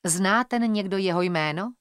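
A woman's voice: mid-range voice, clean tone, dry recording, close to an everyday voice. Woman narrator voicing a doubtful, businesslike police constable, dry close mic. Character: skeptical male police constable, middle-aged.

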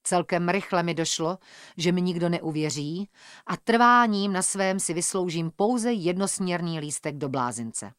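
Low, dry-voiced woman narrating. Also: animated, smooth, dry recording. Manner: measured, tense storytelling. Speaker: audiobook narrator. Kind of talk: scripted first-person narration.

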